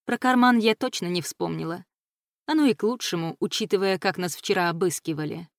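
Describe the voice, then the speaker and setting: A woman reading an audiobook voices a cheerful, teasing young female mercenary with a lively, excitable delivery. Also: on the low side, fairly quick, gravelly, dry recording, clean studio sound. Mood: wry.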